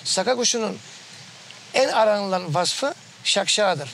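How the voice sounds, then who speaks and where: A man interviewed for a documentary, calmly explaining goldfinch calls and imitating their song. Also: high voice, a little slow, gravelly, a little hiss or hum. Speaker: goldfinch keeper.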